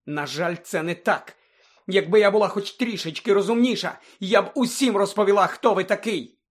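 A fierce, frantic teenage girl from an audiobook, her voice pitched high and shrill and pushed loud, as a male reader puts her on. She accuses in sharp, piercing bursts. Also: normal speed. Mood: bitter. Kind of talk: audiobook character voice.

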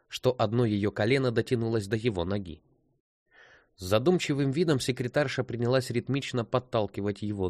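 A man narrates an audiobook in a measured, steady way. His voice sits fairly low, and the recording is dry and close with no room sound. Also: no room sound.

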